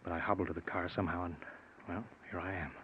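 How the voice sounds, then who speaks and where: An actor playing a ruthless, domineering scientist in an old radio thriller, straining through the pain of a broken bone. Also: male voice, deep voice, fairly even intonation, fast talker, close to an everyday voice. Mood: pained, strained. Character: ruthless, cold-blooded invisible-man scientist, domineering brother. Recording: muffled, noisy old radio recording.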